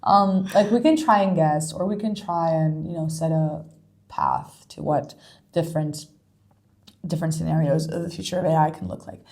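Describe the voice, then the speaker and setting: Woman podcast co-host, lower register, tired, rambling casual talk. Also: moderate pace, darkish tone. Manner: rambling, thinks aloud with many fillers. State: tired, yawning. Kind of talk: casual chat.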